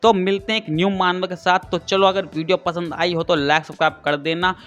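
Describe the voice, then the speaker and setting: A man's voice: high voice, flat delivery, brisk, a bit bright, soft background music. A man narrating a comic recap in a cheeky, crude way, talking straight to his viewers. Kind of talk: casual comic story recap.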